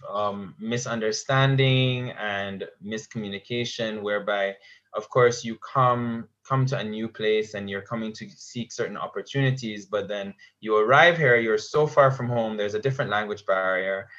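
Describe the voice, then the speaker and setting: A man with a lowish voice talks things through carefully as an interview guest. He often pauses and restarts his phrases. The recording sounds dull and lo-fi. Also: steady tone, fairly bright tone. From Caribbean. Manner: thoughtful, with frequent restarts. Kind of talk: reflective conversation. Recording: dull lo-fi audio.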